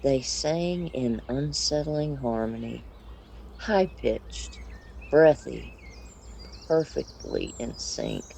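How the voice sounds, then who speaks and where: Slow, mellow deadpan storyteller. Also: mid-range voice, gravelly, a little hiss or hum. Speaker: narrator. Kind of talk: scripted comedic story narration.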